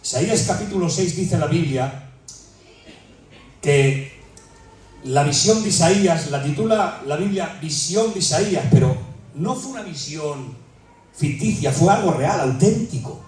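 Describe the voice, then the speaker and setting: A man preaching with a high, ringing voice in a large church hall. His delivery is impassioned and repetitive, rising into cries. The recording is very echoey and picks him up from a distance. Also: animated, measured pace, pauses often, darkish tone. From Spain. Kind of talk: sermon.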